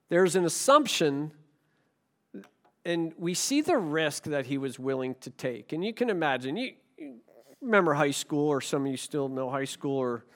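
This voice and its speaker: A man preaching a sermon to a congregation in a conversational way, asking the room questions and swinging between loud stresses and quiet asides. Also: on the high side. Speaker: pastor.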